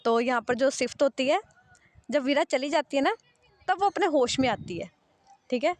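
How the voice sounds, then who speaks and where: A woman's voice: sits high, animated, moderate pace, no echo. A young woman narrating a love story in a casual, chatty way, often stopping to recap. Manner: chatty, recaps with "theek hai" and "matlab".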